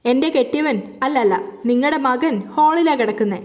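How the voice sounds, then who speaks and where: A woman's voice: high voice, animated, normal speed. A woman voicing a bold young married woman who teases and mocks with confidence. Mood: teasing. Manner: mocking, confident.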